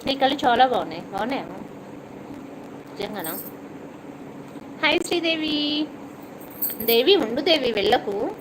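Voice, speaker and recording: A woman's voice: sits high, animated, unhurried, long pauses, background noise. A middle-aged woman with a slight cough, hosting a casual live stream, chatting with and teasing viewers as she reads out their comments. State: has a cough.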